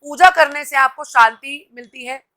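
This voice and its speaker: A woman's voice: high voice, normal speed, sharp tone. A woman host giving a live-stream motivational talk, coaching viewers directly and reading out their comments. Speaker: TV anchor and host.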